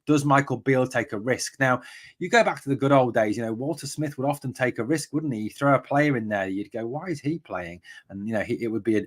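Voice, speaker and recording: Rambling English man hosting a football chat. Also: medium pitch. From northeast England. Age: 40s. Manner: rambling, chatty, goes off on tangents, many fillers and restarts. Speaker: podcast host. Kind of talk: live-stream football chat. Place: room at home.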